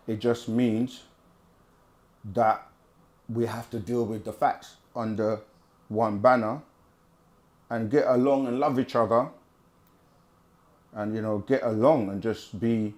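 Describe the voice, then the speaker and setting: Hosting a live question-and-answer stream, a man with a medium-pitched, slightly mellow voice reads viewer questions aloud from the chat. His answers run long and casual, conversational in manner and often repetitive.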